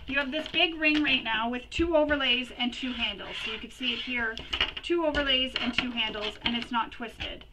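A woman hosting a sewing tutorial, giving practical step-by-step instructions and pausing while she works. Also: on the high side, far from the mic, very noisy. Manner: chatty and practical, pauses while working.

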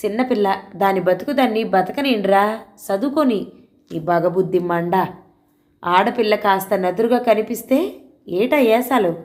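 A woman voicing a stern, sharp-tongued, middle-aged village aunt who scolds bluntly. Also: medium pitch, natural voice.

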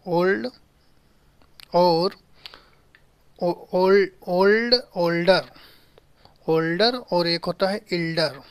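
A man in his thirties runs a grammar lesson at the whiteboard of a small room, with a voice that sits high and sounds smooth. His explanations are slow, he repeats key terms, and he answers the rhetorical questions he raises.

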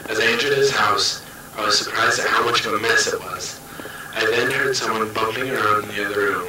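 A man's voice: on the low side, lightly acted. A man voicing a lonely, paranoid townsman. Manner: slow, subdued diary-style narration. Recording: echoey, distant game audio, noisy.

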